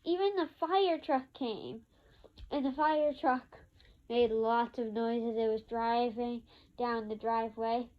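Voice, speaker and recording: A woman with a high voice tells a story slowly and casually, with a chatty, rambling delivery full of fillers and asides. The recording sounds slightly dull and lo-fi.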